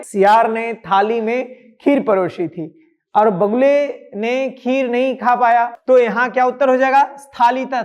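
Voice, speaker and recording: Guy teaching sanskrit to kids, goes step by step, asks then answers his own questions. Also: very high voice. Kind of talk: classroom lesson explanation. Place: school.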